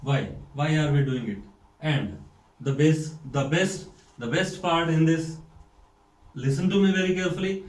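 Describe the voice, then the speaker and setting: An Indian man, a school principal, lectures at a deliberate pace, repeating key points and firing rhetorical questions at his class. His voice sits a little high for a man. He is recorded from some distance in an echoey classroom. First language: Hindi. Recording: echoey room, mic far off.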